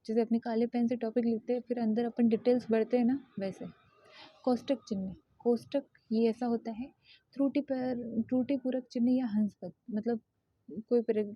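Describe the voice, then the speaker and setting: Woman teacher, very dark and husky voice, explanatory grammar lesson, dull lo-fi sound. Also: on the high side, no room sound. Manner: explanatory, pauses to repeat terms.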